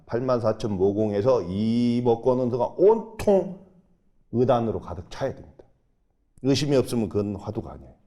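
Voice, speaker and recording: A man who is a Buddhist monk, preaching a dharma talk and guiding meditation, emphatic, with sudden rises and soft, drawn-out instructions. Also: medium pitch. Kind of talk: sermon with guided meditation. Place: temple dharma hall.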